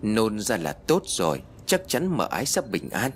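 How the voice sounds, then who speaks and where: A man's voice: on the low side, huge pitch swings, moderate pace, soft background music. Man voicing a haughty exorcist master. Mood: assured. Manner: haughty, scolding. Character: stern middle-aged male exorcist master, commanding.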